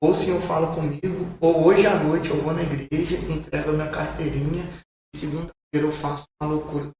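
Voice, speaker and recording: A pastor with a Brazilian Portuguese accent tells a personal testimony in a podcast, in an earnest storytelling manner and repeating phrases for emphasis. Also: male voice, a little high, steady tone, a little fast, darkish tone. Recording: very echoey room, distant mic, faint noise.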